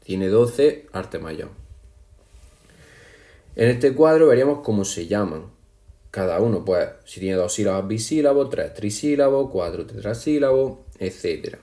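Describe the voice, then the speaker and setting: A man explains a lesson to his students in a slow, patient way, often counting things out aloud one by one. His voice sits low and sounds soft and mellow rather than bright. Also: expressive. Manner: patient, counts syllables aloud slowly, addresses students directly. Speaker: language teacher. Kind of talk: classroom explanation over slides.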